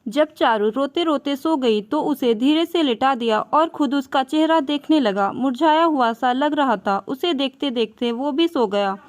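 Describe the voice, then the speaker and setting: A woman narrating a moral story from a script, her voice pitched high. She tells it gently and evenly, in a steady storyteller's rhythm. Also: unhurried, hardly any pauses.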